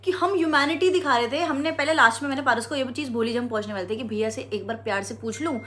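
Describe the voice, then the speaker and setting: Chatty young woman, high voice. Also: quick pace, fairly bright tone, slight background noise. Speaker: co-host of travel vlog. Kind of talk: casual travel vlog chat.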